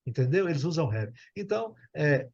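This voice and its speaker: A Brazilian man teaching English over a video call, patient and repetitive, often checking that the student follows. His voice sits a bit high and sounds slightly husky, and the call audio is dull and lo-fi. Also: sing-song, a little fast, a little mellow. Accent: Brazilian Portuguese. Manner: patient, repeats and checks understanding. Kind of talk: online English class.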